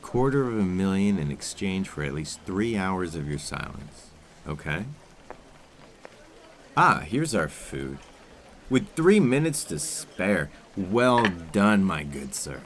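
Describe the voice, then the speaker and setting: A man playing a suave, menacing criminal in a scripted ASMR role-play, with a smooth, condescending, impatient and commanding manner. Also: low voice, sing-song, slow, exaggerated voice. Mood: coolly persuasive, then smug. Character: suave, menacing male criminal coaxing a captive dinner date.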